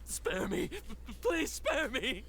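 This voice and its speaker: Panicky game villager, slow halting pleading voice, really swoopy pitch, bit high. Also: female voice, huge pitch swings, a bit bright, a little hiss or hum, heavily acted. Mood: desperate pleading. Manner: pleading, breathless, halting, dramatic. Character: frightened, panicky villager out picking herbs. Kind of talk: video game voice acting.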